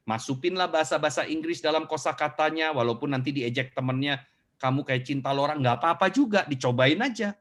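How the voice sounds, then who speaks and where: A middle-aged man giving a motivational talk online, answering questions and acting out little scenes for his audience. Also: fairly high pitch. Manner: animated storyteller who acts out scenes. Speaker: motivational speaker.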